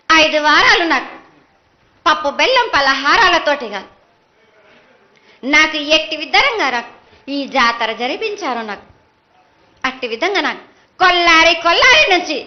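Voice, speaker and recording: A woman with a Telangana accent speaking in a prophetic trance as an oracle, imperious like a mother goddess, in short chanted bursts. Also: sits high. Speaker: oracle delivering the yearly festival prophecy as the goddess. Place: live temple festival ceremony. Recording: dull, band-limited live event sound.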